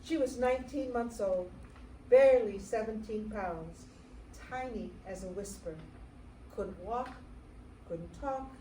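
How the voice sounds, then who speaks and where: An actress in a staged theatre reading playing a devoted American single mother recalling her adopted daughter, in a tender, measured monologue. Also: a little high, dark tone. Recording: roomy stage sound from far off, faint noise.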